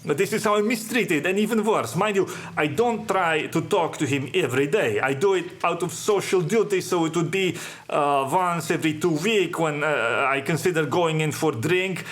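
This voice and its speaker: A man hosting a solo monologue. He talks in a halting, sardonic way, with many "uh" fillers and dropped articles. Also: fairly high pitch, fairly bright tone. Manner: sardonic, pronouncing. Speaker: podcast host.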